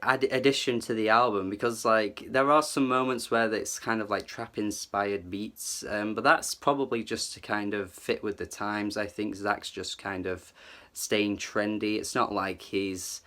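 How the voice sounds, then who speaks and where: Man, lowish voice, easygoing album-review chatter with lots of fillers. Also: steady tone, a little slow, bright, forceful tone. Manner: chatty, filler-heavy, hedging with "like" and "kind of"; enthusiastic. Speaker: music reviewer.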